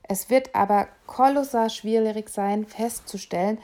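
A woman reading aloud, voicing two men on a tram chatting about a bank robbery in a quieter tone. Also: on the high side, unhurried, lightly acted. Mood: gossipy. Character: two gossiping male tram passengers. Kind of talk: audiobook reading.

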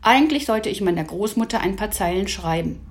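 A woman's voice: mid-range voice, animated, fairly quick, natural voice. A woman voicing a serious, earnest boy who reasons things out.

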